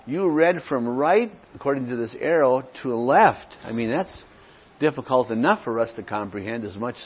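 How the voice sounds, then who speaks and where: Husky pastor teaching an evening study. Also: male voice, mid-range voice, lively intonation, moderate pace, muffled recording. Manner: reads Scripture aloud, often asks "okay?". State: clears throat now and then. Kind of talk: evening Bible study sermon.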